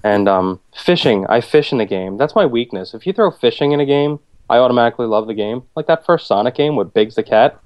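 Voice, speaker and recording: A man's voice: mid-range voice, animated, fairly quick, hardly any pauses, highs cut off. A man co-hosting a casual gaming podcast over a video call, talking in an easygoing, rambling way with lots of fillers. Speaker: podcast co-host.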